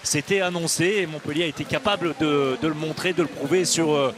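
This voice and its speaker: A man's voice: fairly high pitch, fairly even intonation, brisk, a crowd in the background. A man giving live commentary on a handball match. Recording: noisy sports hall behind commentary.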